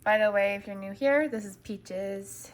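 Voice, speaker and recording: A woman's voice: mid-range voice, unhurried. Young woman, chatty rambling vlog talk, giggly, at home in the kitchen, camera mic. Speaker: vlogger and mother. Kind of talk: casual vlog chat to camera.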